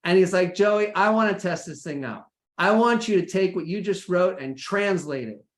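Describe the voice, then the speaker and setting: This is a high-pitched male voice from the United States with lively intonation and a moderate pace. He leads a casual, hands-on session, chatting with his audience and regularly adding "right?" or "okay?" to check in. There's noticeable echo in the room.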